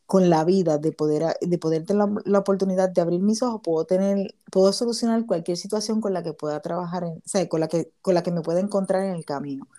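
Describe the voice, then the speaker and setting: Woman, host, mellow warm voice, earnest, hesitant restarts, casual faith chat. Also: on the low side, fairly even intonation, quick pace, few pauses.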